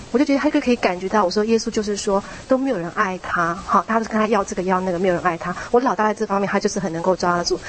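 A woman, a mother, sharing her own story in a church small group, chatty, with a soft tag particle at the end of her phrases. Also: mid-range voice, slight background noise, poor audio.

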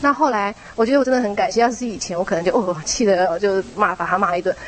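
Woman, mother, church small group sharing, rapid, chatty, soft tag particles. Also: medium pitch, slight background noise, low-quality recording.

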